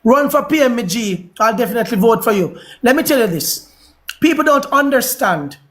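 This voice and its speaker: A man's voice: very high-pitched, expressive, normal speed, a bit bright. A man with a Jamaican accent hosting a livestream, delivering a preachy, repetitive, heated monologue. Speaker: livestream host.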